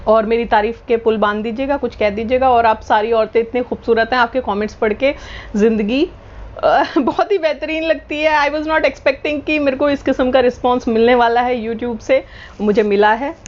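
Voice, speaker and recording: A woman's voice: on the high side, fairly even intonation, normal speed, dull audio. A woman vlogging at home in casual chat, playful and teasing, switching between Hindi and English. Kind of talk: casual vlog chat to camera. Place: at home indoors.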